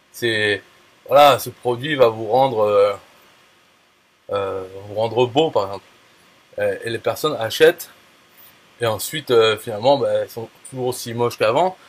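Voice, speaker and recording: A man talking casually and bluntly, full of fillers, restarts and crude slang. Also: medium pitch. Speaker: affiliate marketer. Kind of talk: casual talk to a viewer.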